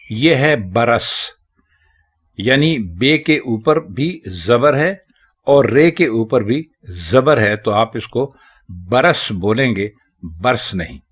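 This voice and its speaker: A man teaching Urdu, explaining correct spelling and pronunciation of common words in a measured, deliberate way. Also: medium pitch.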